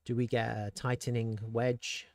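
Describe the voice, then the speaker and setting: A man's voice: medium pitch, level tone, measured pace, no room sound, clean studio sound. A man giving casual, thinking-aloud commentary on crypto charts and world events, with rhetorical asides and frequent restarts. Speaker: crypto market analyst.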